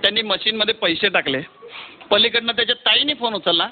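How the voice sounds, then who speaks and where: A man's voice: high voice, fairly quick. A male stand-up comedian telling a comic story to an audience. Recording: dull live recording with loud crowd and noise.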